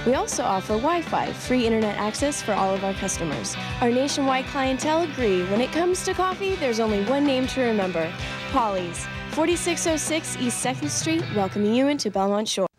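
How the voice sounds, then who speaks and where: A woman's voice: on the high side, expressive, fairly quick. Upbeat female ad announcer over guitar. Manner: polished, upbeat delivery. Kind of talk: radio ad read. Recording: guitar music behind.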